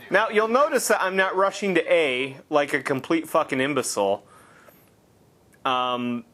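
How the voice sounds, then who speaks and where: A man's voice: a little high, a bit bright. Guy rambling over gameplay, swears a ton, sarcastic, voice jumps all over. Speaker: gameplay commentator. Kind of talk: casual gameplay commentary.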